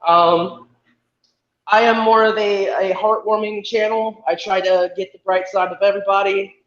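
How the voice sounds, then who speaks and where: A man's voice: high voice, steady tone, normal speed, fairly bright tone. A man in his twenties on a video call from a hotel, self-deprecating and rambling, his voice echoing as if he were inside a well. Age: 20s. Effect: echoey sound as if inside a well. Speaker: livestream guest. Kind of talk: casual chat. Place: hotel room on weak Wi-Fi. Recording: echoey, dull lo-fi call audio.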